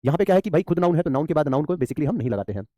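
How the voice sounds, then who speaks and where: Male English teacher, rapid-fire delivery, mellow tone, quizzes students and answers himself. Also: fairly high pitch, animated, no room sound, clean studio sound. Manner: addresses students as beta, asks and answers his own questions. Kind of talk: online grammar class.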